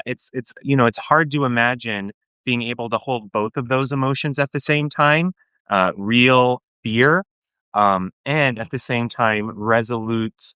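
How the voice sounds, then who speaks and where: A man's voice: medium pitch, bright, forceful tone, smooth, no room sound, poor audio. A man speaking as a guest in an interview, impassioned and often restarting his sentences. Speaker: guest, advocacy group staff. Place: remote call from Washington, DC.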